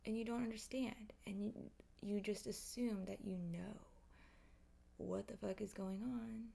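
A woman's voice: mid-range voice, steady tone, a little slow, creaky, warm tone, breathy edge. A woman hosting a podcast, giving a casual, opinionated monologue in an emphatic, exasperated, ranting way with heavy swearing. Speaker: podcast host.

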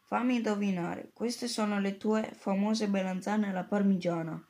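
A woman voicing a gentle middle-aged husband in a read-aloud story, speaking softly and reassuringly. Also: mid-range voice, steady tone, normal speed, close to an everyday voice. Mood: affectionate.

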